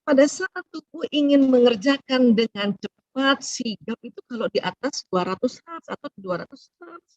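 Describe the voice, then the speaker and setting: A woman giving a seminar talk on family and emotions, animated, acting out short exchanges between parent and child. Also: high voice, normal speed, dry recording, muffled recording.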